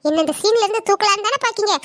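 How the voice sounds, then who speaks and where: A woman's voice: very high-pitched, very fast. A woman voicing a cheeky young woman in a cartoon family skit who teases her relatives and meddles in their talk. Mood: teasing. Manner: teasing, chatty.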